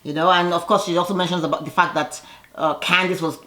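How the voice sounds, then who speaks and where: Her fairly low, steady voice moves fast with a sharp edge. She's a reality TV recap host, chatting casually with sass, gossip and slang while performing the quotes she comments on.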